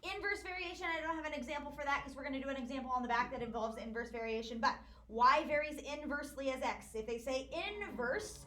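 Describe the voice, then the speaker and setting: A woman math teacher lecturing a classroom, walking through problems step by step and hushing her students. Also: high voice, fast talker, few pauses. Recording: echoey classroom recording.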